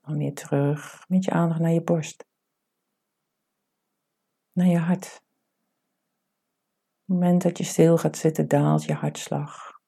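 Calm, soothing instructions come from a woman leading a guided meditation, her soft, breathy voice sitting low. She lets unhurried pauses fall between them.

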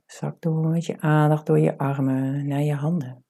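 A woman guides a meditation in a deep, very dark voice. There is gravelly fry in her soft, breathy delivery. She gives calm, soothing instructions and leaves unhurried pauses between them.

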